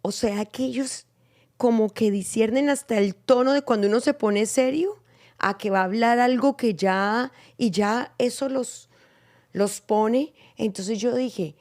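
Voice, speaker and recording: This woman hosts a faith-based conversation and tells her stories with animation, acting out the lines of the people in them. Her voice is slightly high and has a gravelly, fried edge to it. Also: unhurried. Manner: animated storytelling, acting out quoted dialogue. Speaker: podcast host.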